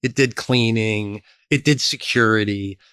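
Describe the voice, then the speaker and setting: A middle-aged man from Chicago, a guest in an interview, telling lively stories about his career. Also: a little slow, clear, resonant tone, no room sound, clean studio sound. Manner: animated storyteller, lively pitch jumps. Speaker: podcast guest, association executive. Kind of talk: storytelling interview.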